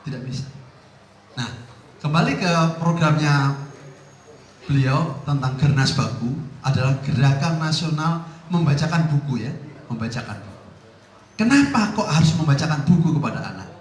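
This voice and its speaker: Animated middle-aged Islamic teacher, echoey room. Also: male voice, fairly high pitch, moderate pace, long pauses. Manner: animated, swings between loud emphasis and soft asides, acts out parents and children. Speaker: Islamic teacher giving a parenting talk. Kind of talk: lively lecture to parents. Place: small prayer room. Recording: echoey room with faint ambient noise.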